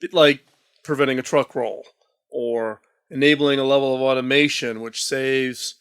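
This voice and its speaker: A man's voice: mid-range voice, fairly even intonation, normal speed, a bit bright, smooth. A man hosting an interview at a trade show, talking animatedly and often repeating words as he starts a thought. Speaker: podcast host. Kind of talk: conversational interview.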